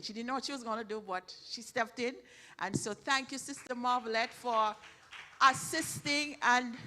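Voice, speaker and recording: A woman gives thanks from the front of a church, her voice bright and clear, pitched a little high. She talks in a chatty, thankful way, restarting her sentences often as she goes. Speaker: church program leader. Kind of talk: church announcements. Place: church hall.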